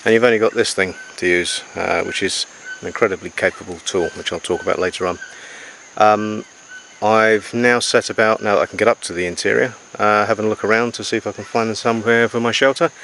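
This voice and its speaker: Standing by a river in the jungle, a survival diarist explains things to camera in a casual, unscripted, methodical, matter-of-fact way. His voice is lowish, steady, brisk, and a bit bright, and the rough recording carries faint insect noise and jungle ambience with crickets.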